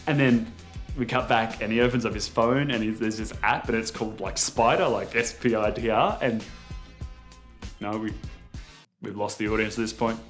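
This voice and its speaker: A man's voice: fairly low pitch, moderate pace, faint music behind. A man with an Australian accent presenting a scripted comedic explainer in a wry, sweary way. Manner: sweary, wry, animated delivery. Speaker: comedy web series presenter.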